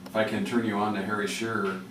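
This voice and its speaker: A man with a fairly low voice hosts a public radio interview in a casual, well-informed manner. He sounds set back from the microphone in a reverberant room. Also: level tone, fast talker, fairly bright tone. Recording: roomy, distant mic with faint noise.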